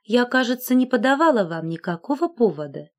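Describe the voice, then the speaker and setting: A touchy, prudish garter, a young lady of the laundry who keeps her suitor at arm's length, as a woman puts her on. She sounds prim and offended, with a lively storybook lilt. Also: on the high side, fairly quick, voice pushed up. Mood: prim refusal.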